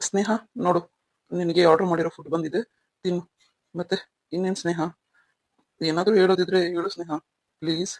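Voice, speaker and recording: A man playing a guarded young husband who asks calm, probing questions. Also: high-pitched, brisk, pauses often, no room sound.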